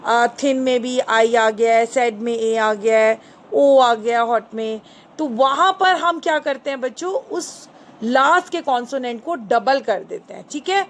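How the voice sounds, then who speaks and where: High-voiced woman teaching grammar slowly. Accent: Indian English. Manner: patient, asks questions and answers them herself; calls listeners "children", mixes Hindi and English. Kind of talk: bilingual grammar lesson. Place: indoors, screen recording.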